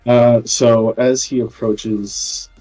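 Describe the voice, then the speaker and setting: A man's voice: medium pitch, flat delivery, drawn-out words, dark tone, faint music behind, low-quality recording. A man playing in a tabletop game, describing a scene hesitantly with many fillers. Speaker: player.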